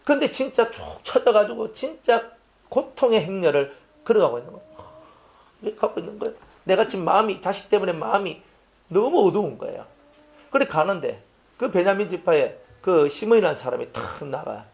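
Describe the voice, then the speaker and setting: A male pastor preaching a sermon, animated and asking the congregation rhetorical questions. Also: high voice, a little fast, vocal fry.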